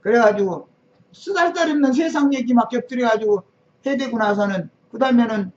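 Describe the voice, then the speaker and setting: A woman's voice: fairly high pitch, fairly quick, darkish tone. A woman preaching a sermon in an emphatic, sarcastic manner, firing off rhetorical questions. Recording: dull lo-fi recording.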